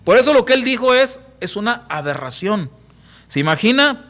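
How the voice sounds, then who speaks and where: A middle-aged man preaching a sermon, emphatic and full of rhetorical questions to the congregation, telling stories with lively quoted voices. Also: very high-pitched, moderate pace. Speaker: pastor. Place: church.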